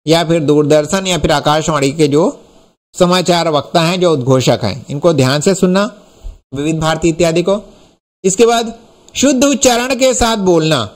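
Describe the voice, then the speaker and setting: A middle-aged man from India teaching Hindi in a recorded lecture, explaining slowly and deliberately and stressing key words. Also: high voice.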